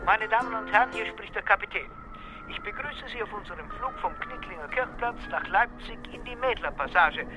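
Ein Mann spielt den Teufel, der als Flugkapitän förmlich eine Bordansage macht, in einem Kinderhörspiel. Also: male voice, high-pitched, a little fast, music in the background, pitched above the performer's own voice, natural voice, rough recording. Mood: announcing. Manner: formal cabin announcement, tour-guide patter. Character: devil posing as a chatty airline captain announcing the flight. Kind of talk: audio drama for children.

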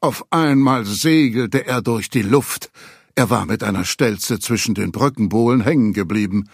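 A man reading a children's story aloud, expressive storyteller. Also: on the low side, moderate pace, creaky, husky, no echo, studio quality. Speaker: narrator.

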